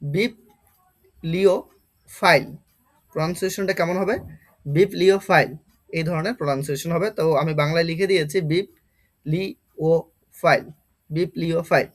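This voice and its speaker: A man teaching an exam-prep vocabulary lesson, explaining patiently and repeating each word slowly to drill its pronunciation. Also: on the high side, steady tone.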